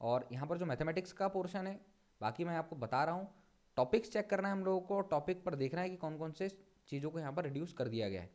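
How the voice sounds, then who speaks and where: A man with a high voice teaches an online class, walking viewers through a document one item at a time. He repeats his instructions again and again as he goes. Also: lively intonation, quick pace, darkish tone. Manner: repeats points over and over, instructing.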